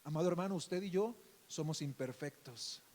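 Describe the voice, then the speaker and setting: A man pastor with a Mexican Spanish accent preaching a sermon, calling listeners beloved brother and asking "right?" often, swinging between loud emphasis and soft asides. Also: on the high side, moderate pace, long reverb tail, slight background noise. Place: church.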